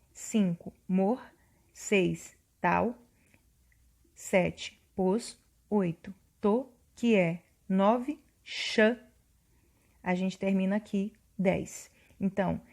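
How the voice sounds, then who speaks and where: A woman teacher talks through a literature lesson at a steady, careful pace. She recites verse in a measured cadence and breaks words into syllables, counting them out loud one by one. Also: mid-range voice. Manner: slow, deliberate, counting syllables aloud.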